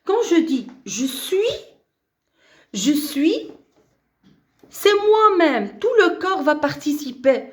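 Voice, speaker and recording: Female language teacher: high pitch, slow deliberate delivery, drills each word by repetition. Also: very animated. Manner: slow, drawn-out, repeats and stresses each word for learners. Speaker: French teacher. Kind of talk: grammar lesson.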